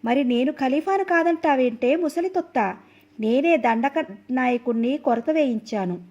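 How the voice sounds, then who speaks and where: A woman voicing an angry, deluded young man who shouts orders, believing he is the caliph, in a storybook reading. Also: high-pitched, expressive, normal speed, muffled recording. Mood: furious. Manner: shouting, abusive, commanding.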